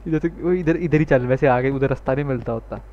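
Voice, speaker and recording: A man streaming a co-op game with friends, giving orders and shouting high when he panics. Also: fast talker, highs cut off, a little hiss or hum. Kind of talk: excited co-op gameplay chatter.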